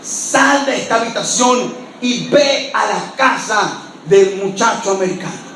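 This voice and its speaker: Un hombre que da voz a Jesús como una voz solemne y lenta que habla desde una luz. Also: male voice, sits high, lively intonation, measured pace, a bit bright, heavy reverb, recorded from a distance, a little hiss or hum, voice pushed down, exaggerated voice, rough recording. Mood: solemn. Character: Jesus, a commanding man's voice from light.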